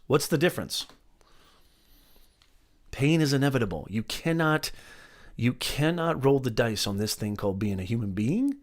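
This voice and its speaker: Middle-aged guy doing a motivational live stream, lowish voice, keeps repeating stuff, says hi to viewers. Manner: emphatic and repetitive, greets viewers by name.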